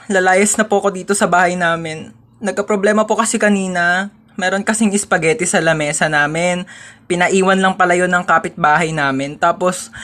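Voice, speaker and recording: A woman performing comic skits, playful and swinging between soft asides and loud outbursts. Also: mid-range voice. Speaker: comedy skit creator. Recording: music playing behind. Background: music.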